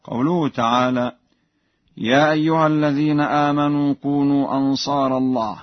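A man teaching Quran recitation. He gives measured explanations, then chants the examples slowly and melodically. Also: mid-range voice, steady tone, no room sound, lo-fi sound.

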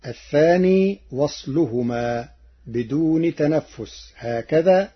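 Slow husky man teaching recitation. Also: a little high, lively intonation, lo-fi sound. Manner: measured, methodical explanation. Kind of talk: explaining recitation variants with chanted examples.

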